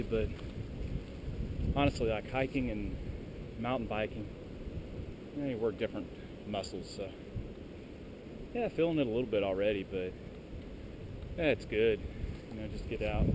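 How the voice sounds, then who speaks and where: A man with a fairly ordinary pitch talks into a handheld camera as he hikes up a mountain trail. He rambles easily and leans on plenty of filler words. Loud, clear wind noise runs under the whole recording. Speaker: vlogger. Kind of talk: casual walking vlog. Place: outdoors on a windy mountain trail. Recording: strong wind noise outdoors.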